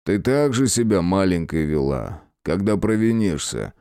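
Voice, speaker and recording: A man voicing a middle-aged prince and father, measured and dryly amused. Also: sits low, big pitch swings, mellow, dry recording, studio quality, exaggerated voice. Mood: calm.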